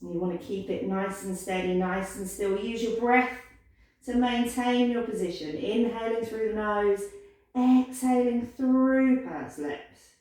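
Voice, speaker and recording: A woman leading a pilates class, giving calm, encouraging cues and counting down holds. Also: fairly high pitch, measured pace. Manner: encouraging, gentle cueing, counts down aloud. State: slightly out of breath at times. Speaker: pilates instructor. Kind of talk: guided exercise class instruction. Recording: echoey room, voice from a distance.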